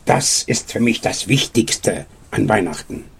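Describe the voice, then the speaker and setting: A man playing a greedy storybook magpie that croaks out its wishes one by one. The voice is husky and slow, with a lively rise and fall. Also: lowish voice, full character voice. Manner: greedy, listing.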